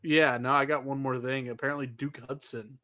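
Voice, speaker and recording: A man with a medium-pitched voice, recorded close and dry. He chats casually about wrestling news as a podcast co-host, wry and offhand. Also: flat delivery, fairly quick, bright, forceful tone, no echo.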